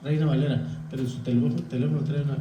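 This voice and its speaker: A man's voice: medium pitch, fairly even intonation, very fast, highs cut off, background noise. A man, a pastor giving a folksy, conversational sermon and often addressing the congregation as brothers. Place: church hall. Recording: echoey church hall, distant mic.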